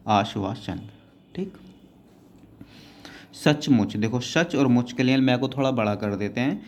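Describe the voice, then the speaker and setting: A man's voice: medium pitch, darkish tone, slight background noise. A man teaching shorthand, patiently explaining each word and checking in with his students as he goes. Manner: patient, keeps adding "है ना" and calling students "बेटा".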